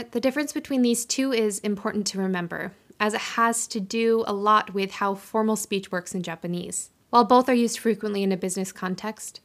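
A woman hosts a podcast in a scripted, measured delivery. She slows down to spell out Japanese phrases syllable by syllable, like a patient teacher. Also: mid-range voice. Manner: careful, slow syllable-by-syllable pronunciation of Japanese words. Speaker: podcast host. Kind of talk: scripted podcast intro and language tip.

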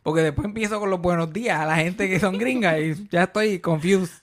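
A man with a Puerto Rican accent chatting casually on a podcast, animated and swearing freely, slipping English into his Spanish. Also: sits high, brisk. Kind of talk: casual chat.

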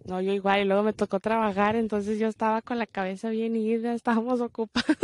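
A young woman, telling stories in a casual podcast chat, lively and mixing in English. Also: fairly high pitch, a little fast, no room sound. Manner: lively, laughs often, mixes in English. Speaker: podcast co-host.

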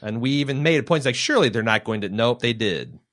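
A man with a slight Midwestern accent, co-hosting a podcast in casual chat, blunt and profane with animated rants. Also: medium pitch, fast talker. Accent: Midwestern American. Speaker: podcast co-host.

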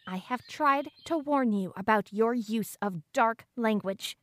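A woman's voice: on the high side, measured pace, natural voice. A woman playing a pompous, coldly menacing fourteen-year-old girl who speaks in an overly formal, wordy and condescending way. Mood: smug, menacing. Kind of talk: audio drama acting.

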